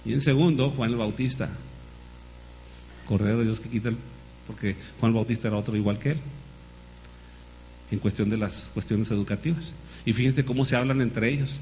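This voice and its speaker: A man's voice: medium pitch, moderate pace, pauses often, a little hiss or hum. A man preaching a sermon, calling his listeners brother and asking them rhetorical questions. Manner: lively, calls listeners "hermano", many rhetorical questions.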